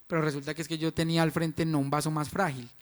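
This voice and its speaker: A man's voice: on the high side, level tone, fast talker. A man, frankly telling the story of his marriage in a church testimony. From Colombia. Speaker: husband sharing a testimony.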